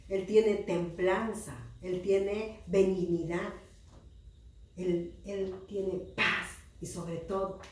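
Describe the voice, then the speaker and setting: Slow sing-song woman teaching children. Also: on the low side, a little mellow, a little hiss or hum. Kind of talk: storytelling lesson for children. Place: church room. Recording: echoey room, voice from far off.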